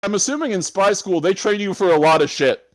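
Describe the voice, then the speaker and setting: A man's voice: high voice, animated, a little fast, no echo, poor audio. A man co-hosting a podcast, telling a story in loose casual chat, swearing often and laughing between lines. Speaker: podcast co-host.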